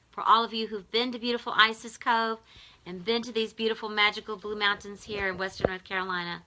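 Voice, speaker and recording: A woman with a clear, ringing, bright tone leads a guided meditation, speaking softly and slowly. She lingers on pauses and keeps her voice gentle and prayerful. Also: medium pitch, rough recording. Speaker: spiritual teacher leading a guided visualization. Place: home in the mountains.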